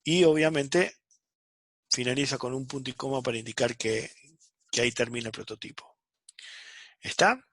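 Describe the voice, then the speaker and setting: Speaking at a moderate pace and pausing often, this man has a medium-pitched, slightly bright voice recorded without echo. He's giving an online programming lesson. Almost every phrase ends with a check-in like "¿sí?" or "¿está?" to make sure students understand.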